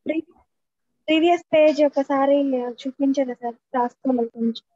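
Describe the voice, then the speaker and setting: High, very quick young-sounding Telugu woman student. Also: mellow. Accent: South Indian, Telugu. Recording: dull, lo-fi call audio.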